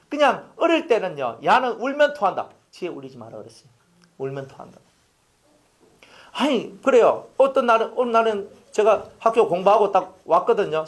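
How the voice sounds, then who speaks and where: A middle-aged male pastor delivers an animated sermon. His voice sits a little high and swings widely in pitch as he tells stories and throws rhetorical questions to the congregation.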